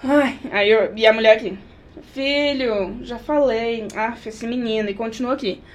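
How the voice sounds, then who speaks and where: A woman's voice: a little high, steady tone, a little fast, slight background noise. A woman who drives for a rideshare app, telling stories from her rides as a guest in casual chat and acting out scenes with sound effects. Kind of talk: casual chat, anecdotal storytelling.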